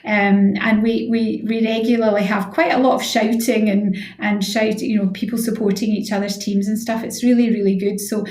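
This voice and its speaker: A head of physiotherapy, appearing as a guest on a radio chat show, explains her work informally and often affirms what she is asked. Her mid-range, slightly mellow voice stays level at a moderate pace with few pauses, in an echoey recording.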